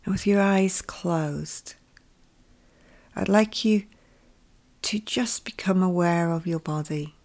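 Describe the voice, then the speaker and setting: A woman leading a guided meditation with calm, gentle instructions, her soft voice often drifting into a whisper. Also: lowish voice, slow pace, long pauses.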